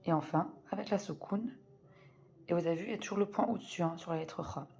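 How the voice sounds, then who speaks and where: A woman teaching a reading lesson, explaining slowly and patiently and repeating sounds in drills. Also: on the low side, gravelly, a little mellow, slight background noise.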